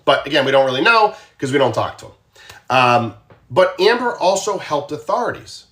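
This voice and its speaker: Big pitch swings mark this man's high-leaning, fairly bright voice, delivered at a moderate pace. A Boston-accented ex-officer, he hosts a true crime livestream where he chats casually, quizzes his viewers and repeats himself.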